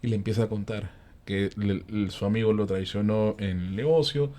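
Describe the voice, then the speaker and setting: Lowish-voiced Peruvian man telling a ghost story. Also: normal speed. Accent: Peruvian Spanish. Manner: animated storyteller who acts out the characters' lines; frequent fillers and tag questions. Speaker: panel guest telling ghost stories. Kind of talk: casual chat, storytelling.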